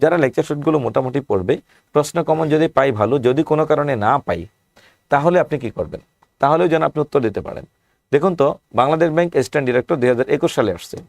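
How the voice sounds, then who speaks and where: Here a male teacher with a Bangladeshi Bengali accent races through an exam-prep lecture, covering past questions and asking rhetorical ones. His gravelly voice sits on the high side and is expressive, and the close, dry recording has no room sound.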